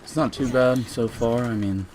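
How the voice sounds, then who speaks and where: A man's voice: medium pitch, normal speed, noisy background. A young man rambling casually through a voice-over commentary on his own game footage, with lots of fillers and restarts. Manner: rambling and laid-back, with many fillers and restarts.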